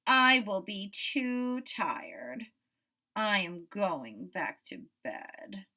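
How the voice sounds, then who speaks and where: Sleepy male toad, acted by a woman, grumbling, reluctant, drawn-out delivery, children's storybook. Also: mid-range voice, very animated, bright, forceful tone, exaggerated voice. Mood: grumpy, sleepy. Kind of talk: children's storybook read-aloud.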